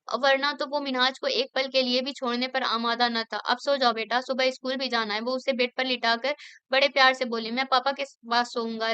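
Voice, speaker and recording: A woman's voice: a little high, pushed and bright, smooth, no echo, muffled recording. A woman narrating a romance novel aloud, voicing each character expressively.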